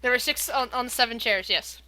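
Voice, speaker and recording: A woman running a tabletop game as game master, improvising narration in a halting way and repeating words as she finds her phrasing. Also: a little high, pushed and bright, slight background noise.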